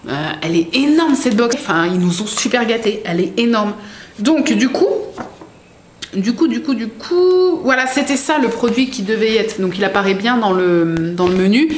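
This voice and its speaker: A woman's voice: a little high, expressive, normal speed. Chatty woman unboxing in an echoey room. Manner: rambling, many fillers and self-corrections. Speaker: unboxing vlogger. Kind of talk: casual chatty product unboxing. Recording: echoey room with faint background noise.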